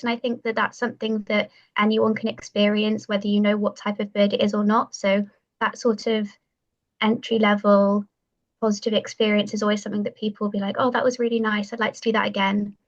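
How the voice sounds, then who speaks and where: A young woman from Pembrokeshire in West Wales speaks briskly at a mid-range pitch with little pitch movement, the audio sounding dull. She's a guest on a podcast interview, the president of a university bird society, and her chatty talk is filled with "um", "like" and "kind of".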